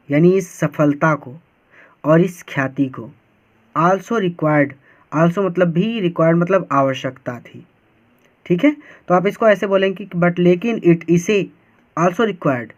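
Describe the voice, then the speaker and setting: A male teacher with a high voice works through a text at an unhurried pace, splitting it word by word and stopping to ask if it is clear. The sound is dull and lo-fi. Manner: slow, word-by-word explaining with frequent checks. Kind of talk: line-by-line lesson explanation.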